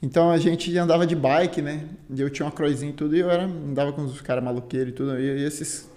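A man's voice: fairly high pitch, steady tone, fast, mellow. A Brazilian man telling a story in casual, slangy chat as a guest, peppering his talk with filler words. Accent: Brazilian Portuguese. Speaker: guest, Muay Thai fighter and teacher. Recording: roomy, echoey sound.

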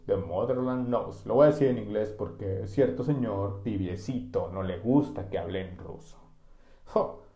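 A man's voice: mid-range voice, dark tone. A man hosting a comic history podcast with a Mexican Spanish accent, playful and jokey. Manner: playful, jokey, breaks into bits. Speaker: podcast host. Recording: echoey room.

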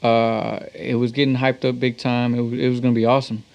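Interviewed casually, a Texan musician who plays the talk box tells stories in relaxed street talk. He speaks briskly at medium pitch with little variation and a darkish tone, and the highs are missing from the recording.

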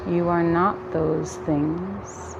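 A woman guiding a yoga nidra relaxation in a calm, soothing, gentle manner with long pauses between phrases. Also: fairly low pitch, vocal fry, highs cut off, background noise. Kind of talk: guided relaxation meditation.

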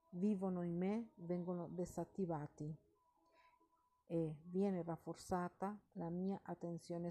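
Slow, husky woman guiding a meditation. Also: lowish voice, dark tone. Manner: measured, pausing between short phrases. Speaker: guided meditation leader. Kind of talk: slow guided meditation with recited affirmations.

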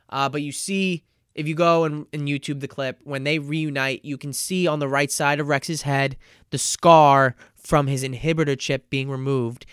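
A man recaps a series for his podcast in a loose, excitable, rambling manner, full of fillers and casual swearing. His voice sits a little high and comes through smooth and resonant. The sound is close and dry. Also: no echo. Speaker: podcast host reviewing a TV series.

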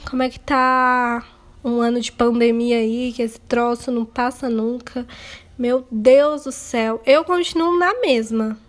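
A woman's voice: a little high, flat delivery, a little slow. A young woman with a Brazilian accent, hosting her own podcast in a candid, rambling, self-mocking monologue with nervous laughs. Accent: Brazilian Portuguese. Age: young adult. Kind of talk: casual confessional monologue.

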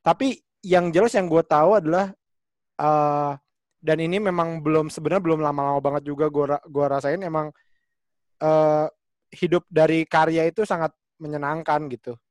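A man, a stand-up comedian, thinking aloud in casual panel talk with many pauses and restarts. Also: on the high side, steady tone, a little mellow, no room sound.

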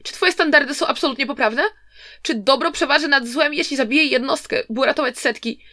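A woman's voice: high voice, expressive, a little fast, no room sound, clean studio sound, voice pushed up. A woman voicing a scheming young nobleman who pleads and questions defensively. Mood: plaintive. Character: scheming young nobleman, plaintive and self-pitying.

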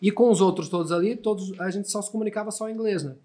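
Fast and warm, his high voice carries a European Portuguese accent. He's a man in his thirties from Portugal, a podcast guest spinning casual stories in a chatty style with frequent restarts and tag questions.

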